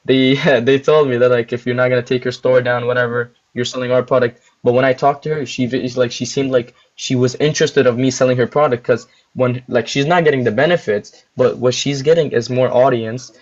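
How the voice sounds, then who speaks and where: A man's voice: medium pitch, fairly even intonation, brisk, hardly any pauses. A young man chatting casually on a livestream as a guest store owner, rambling with lots of filler words while chewing gum. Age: young adult. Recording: muffled lo-fi audio.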